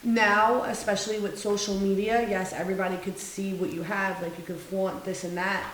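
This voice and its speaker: A woman's voice: medium pitch, moderate pace. Candid woman in her twenties, echoey room. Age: 20s. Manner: candid, animated storytelling with quoted asides. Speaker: panel guest. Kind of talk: casual roundtable chat. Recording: echoey room with faint hiss.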